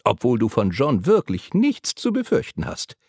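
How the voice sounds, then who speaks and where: A man voicing a shrill, cackling tiny old woman who teases and fusses over a young patient. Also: huge pitch swings, normal speed, darkish tone, no room sound, clean studio sound. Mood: teasing.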